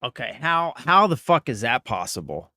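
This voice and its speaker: A man's voice: mid-range voice, big pitch swings, bright, forceful tone, no room sound, clean studio sound. A man streaming a video game, commenting casually and swearing often as he vents. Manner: swears a lot, quick to vent.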